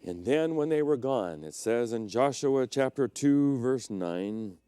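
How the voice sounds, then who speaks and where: A middle-aged pastor with a smooth, resonant voice preaches expressively and a little slowly, sharing personal anecdotes in storytelling fashion. He moves from loud, emphatic peaks down to hushed, low stretches. The recording is dry, free of room sound.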